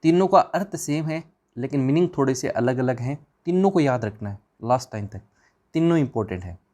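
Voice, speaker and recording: Guy teaching exam revision, keeps asking and answering his own questions, mid pitch. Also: animated, a little fast, dark tone. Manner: asks questions and answers them himself; chatty, informal with students.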